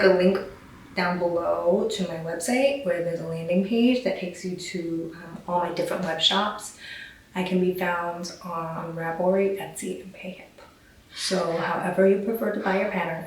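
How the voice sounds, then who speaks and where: A young woman from Taiwan chats eagerly to camera as host of a knitting show, her voice sitting a little low. She sounds set back from the microphone in a strongly echoing room, with a faint hiss underneath. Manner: chatty and enthusiastic, rambling asides. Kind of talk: casual chat to camera. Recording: very echoey room, distant mic, faint hiss.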